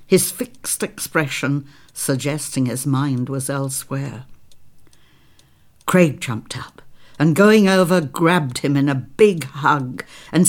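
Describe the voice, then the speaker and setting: Male audiobook narrator, slow and calm, measured reading. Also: a little high. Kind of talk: scripted narration.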